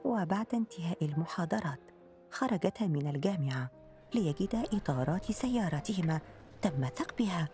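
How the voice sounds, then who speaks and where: A woman reads the narration of a radio drama in measured formal Arabic. Her voice sits on the lower side, and clear music plays behind her. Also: lively intonation, warm tone. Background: background music.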